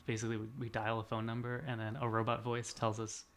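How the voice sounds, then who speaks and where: A man's voice: mid-range voice, monotone, fast, a bit bright. A young man in his twenties chatting casually as a podcast co-host, rambling and self-deprecating, laughing often. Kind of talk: casual chat.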